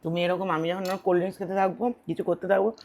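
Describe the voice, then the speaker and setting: A woman's voice: fairly low pitch, quick pace. A woman in her thirties chatting casually on her home eating show, teasing and bickering playfully. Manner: swings between soft reflective and loud animated. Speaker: mukbang vlogger.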